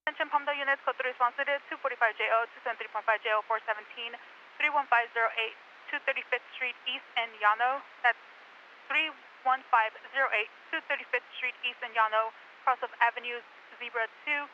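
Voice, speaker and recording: A woman working as a police dispatcher, reading out codes, plates and addresses in a rapid, clipped way over a police radio. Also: on the high side, fairly even intonation. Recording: muffled scanner radio with hiss.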